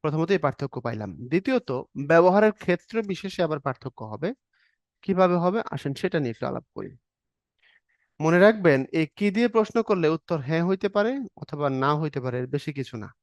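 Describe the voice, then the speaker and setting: A man's voice: fairly high pitch, lively intonation, a little fast, no echo. Man teaching grammar in a dry recording. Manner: explains step by step, acts out short example dialogues, checks in with "okay?". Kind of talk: exam-prep grammar lesson.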